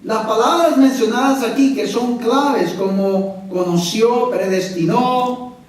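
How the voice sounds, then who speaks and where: A male pastor with a very high voice delivers an emphatic sermon at an unhurried pace. He often asks his congregation questions to check that they follow. He sounds far from the mic, in a church sanctuary with heavy echo. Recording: echoey church hall from far off.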